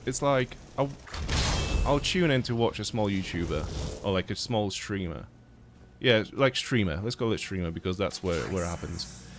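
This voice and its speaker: This young Polish streamer talks casually while gaming, rambling, cursing a lot and restarting sentences amid many fillers, with a slightly blocked nose. His voice is on the low side and animated, at a moderate pace, against a noisy background.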